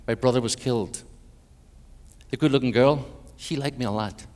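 Irish guest preacher, mid-pitched man, dramatic loud-to-hushed delivery, long church reverb. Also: normal speed. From Ireland. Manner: dramatic, swings between loud emphatic peaks and hushed low passages; wry humorous asides. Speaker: guest preacher, minister to Europe. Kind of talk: evangelistic sermon with personal testimony. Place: large church sanctuary.

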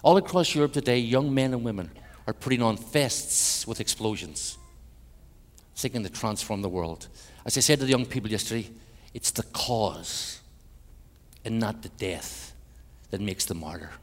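An Irish man preaching an evangelistic sermon with personal testimony in a large church, swinging between loud emphatic peaks and hushed passages, with wry humorous asides. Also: fairly low pitch, lively intonation, moderate pace. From Ireland. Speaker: guest preacher, minister to Europe. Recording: church hall with long reverb.

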